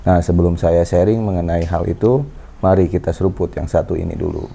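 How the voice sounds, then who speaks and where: A man in his thirties hosting a casual parenting chat with his wife, explaining in a calm, lecturing way. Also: low voice, fairly quick, vocal fry. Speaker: host. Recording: faint background noise.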